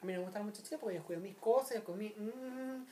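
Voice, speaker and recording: A woman in casual chat, agreeable and quick to chime in. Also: medium pitch, warm tone, a little hiss or hum. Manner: agreeable, chiming in with quick backchannels.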